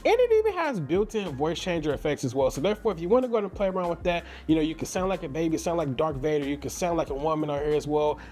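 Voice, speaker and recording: A fast-talking man barely pauses, his slightly high, darkish voice full of lively intonation. A tech reviewer and content creator from St. Louis, Missouri, he speaks with a St. Louis accent in a casual, enthusiastic, slangy product review.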